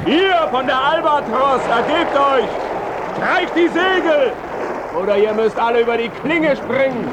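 Menacing pirate, very high straining voice, slow threatening calls over loud noise, seafaring radio drama. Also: male voice, animated. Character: menacing male pirate leader. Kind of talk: dramatised audio play acting. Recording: loud sea noise, calling from afar.

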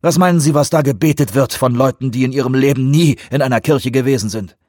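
A man's voice: medium pitch, quick pace, darkish tone, no room sound, clean studio sound, pitched above the performer's own voice, lightly acted. A man voicing a grim, impassioned male official in an audiobook, urgent and grave.

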